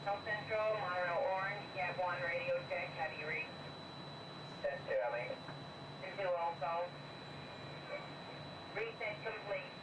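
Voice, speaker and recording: A man's voice: high-pitched, a little slow, pauses often. A man speaking over a two-way radio as a monorail dispatcher, using clipped call codes and radio checks. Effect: two-way radio transmission. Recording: distant, echoey, noisy radio speaker.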